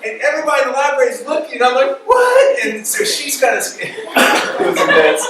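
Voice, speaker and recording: A man in his thirties, a pastor, telling his conversion story to a student group in animated, laughing sermon storytelling. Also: extremely high pitch, quick pace, recorded from a distance. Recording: echoey room recorded from afar, noisy.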